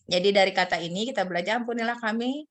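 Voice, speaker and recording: A woman's voice: medium pitch, very fast. Woman, middle-aged, children's sermon, casual, chatty, video call, acts out voices.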